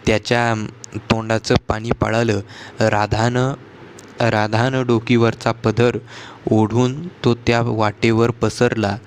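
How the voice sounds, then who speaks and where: A man reading a novel aloud as an audiobook narrator, in a measured way with small restarts. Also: lowish voice, little pitch movement, a little hiss or hum.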